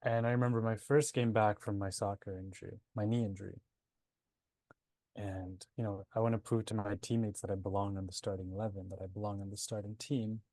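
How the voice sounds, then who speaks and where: This interview guest is a breathwork teacher in his twenties who was born in Nepal and moved to Canada at age seven. Telling his story conversationally, he speaks fairly quickly with a flat delivery in a fairly low, mellow voice, with no echo.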